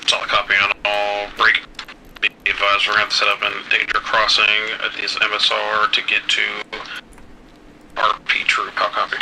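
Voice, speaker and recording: Deep-ish totally monotone guy on crackly military radio, very sharp sound. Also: normal speed. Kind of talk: military radio procedure in a tactical game. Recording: loud crackly radio with faint noise.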